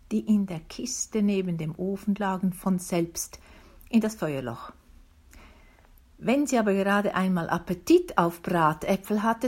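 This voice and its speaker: Slow, husky woman reading a storybook. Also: medium pitch. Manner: slow, calm, deliberate reading. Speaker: reader. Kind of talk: reading a children's book aloud.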